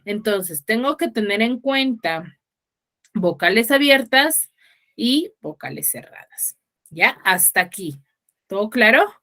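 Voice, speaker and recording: Patient woman teacher on an online class call, slow and sing-song, keeps checking understanding. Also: fairly high pitch, lively intonation, pushed and bright. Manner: patient, asks the class "¿ya?" often. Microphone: video call.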